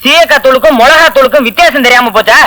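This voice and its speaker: An actor playing a village father who tries to calm his shouting wife and defends their daughter. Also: extremely high pitch, very fast, no echo, low-quality recording. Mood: placating. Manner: placating, scolding gently. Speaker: film actor. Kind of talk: 1980s film dialogue.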